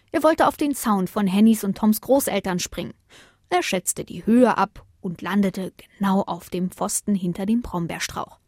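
A woman narrating a children's story with lively, expressive storytelling. Her voice sits at a middle pitch, recorded close and dry. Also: no echo.

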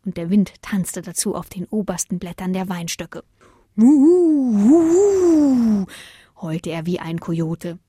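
A woman narrating a children's bedtime story in a lively, expressive way. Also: fairly low pitch, normal speed, few pauses, husky, dry recording, studio quality.

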